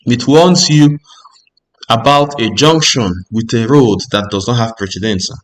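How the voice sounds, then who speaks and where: A man's voice: mid-range voice, a little slow. Patient man tutoring road sign rules. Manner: reads each sign's rule aloud, then explains it patiently, often checking with "Ok?". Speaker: driving theory tutor. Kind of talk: explanatory lesson.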